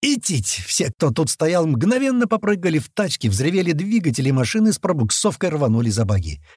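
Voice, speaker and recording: A man narrating a first-person action audiobook, acting out the crew's shouted lines as he reads. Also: on the high side, brisk, breathy edge, no echo, studio quality. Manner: lively, voices the gang's shouts in character.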